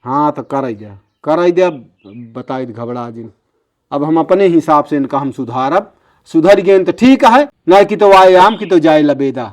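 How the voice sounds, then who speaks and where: A man's voice: on the high side, lively intonation, a little slow, a little mellow. A man playing an exasperated village family man in a comedy sketch, scolding emphatically with an Awadhi accent.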